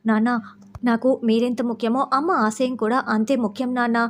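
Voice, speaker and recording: A hurt young woman from a TV serial who pleads softly and apologetically, as a woman recapping the episode voices her. The voice is a little high and stays close to plain storytelling. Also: little pitch movement, fairly quick, lightly acted. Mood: pleading.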